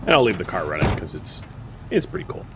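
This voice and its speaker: A man's voice: sits low, huge pitch swings, fast talker, noisy background. A man giving casual, wry gameplay commentary as a streamer, thinking aloud with fillers. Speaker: gaming streamer.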